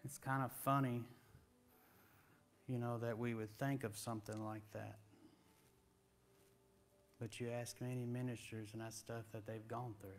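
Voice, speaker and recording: A man's voice: mid-range voice, flat delivery, unhurried, long pauses. Guy in his 40s preaching, chatty and folksy, punchy questions, church sanctuary, lapel mic. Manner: folksy, conversational preaching with rising emphatic questions. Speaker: guest preacher. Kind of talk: sermon.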